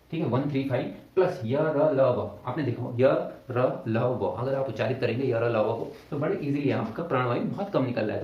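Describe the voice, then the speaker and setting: A man's voice: medium pitch, darkish tone, dull audio. Man teaching, step-by-step explanations, echoey room, sounds distant from the mic. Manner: explains step by step, repeating "ठीक है" and asking questions back. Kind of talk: exam-prep grammar lesson.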